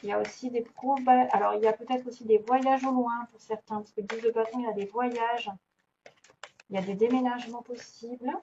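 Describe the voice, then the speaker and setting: A woman's voice: fairly high pitch, steady tone, a little fast, a little mellow. A woman doing a casual tarot reading, chatty and thinking aloud with many fillers and small laughs. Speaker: tarot reader. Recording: dull lo-fi recording, faint noise.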